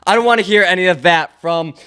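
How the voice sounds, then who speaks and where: High-voiced, smooth young man talking sports. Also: quick pace, bright, forceful tone. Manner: rambling, self-correcting, opinionated. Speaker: podcast host. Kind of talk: casual solo sports commentary.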